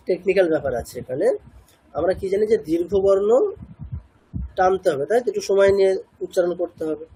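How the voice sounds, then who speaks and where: Teaching chanting pronunciation to a class, a man from India is patient and answers the questions he asks. His voice is high, warm and slightly rough, and the recording itself is rough.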